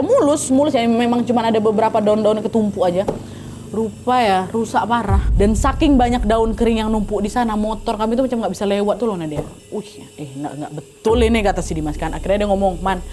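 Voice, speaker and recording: A woman telling a horror story in casual chat with a lively, animated delivery, often raising her voice at the tense parts. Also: fairly high pitch, a little hiss or hum. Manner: lively, animated, raises voice when scared.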